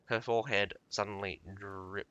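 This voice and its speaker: A man reading a game's lore aloud, breaking off often to comment in a halting, casual way with many fillers. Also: lowish voice, steady tone, a bit bright, clear, resonant tone, highs cut off. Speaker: lore reader and streamer.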